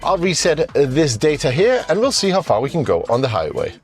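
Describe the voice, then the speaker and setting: A man's voice: a little high, very animated, brisk, soft background music. A man hosting a car review vlog, chatting casually from inside a car while driving.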